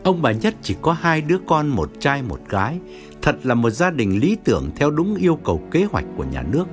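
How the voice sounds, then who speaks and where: A man narrating an audiobook story with expressive storytelling. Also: fairly high pitch, fairly quick, faint music behind. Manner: expressive, wide-ranging storytelling.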